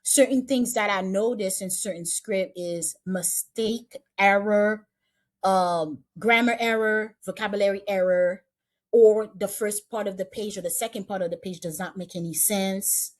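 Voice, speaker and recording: A woman's voice: mid-range voice, measured pace. A woman casting director chatting in an interview, repeating and restarting her phrases as she talks. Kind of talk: casual interview chat.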